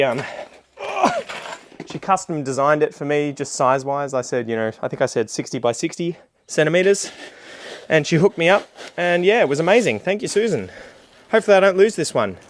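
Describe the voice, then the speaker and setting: A man's voice: mid-range voice, dry recording, studio quality. An Australian man chatting casually while demonstrating a task, in a rambling, self-deprecating, slangy way. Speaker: gardening video creator.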